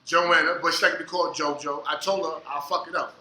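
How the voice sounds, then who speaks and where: A man hosting a casual podcast interview, joking and bantering loudly in slang. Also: fairly high pitch, fairly even intonation, fast, echoey room, slight background noise, low-quality recording. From United States. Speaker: podcast host.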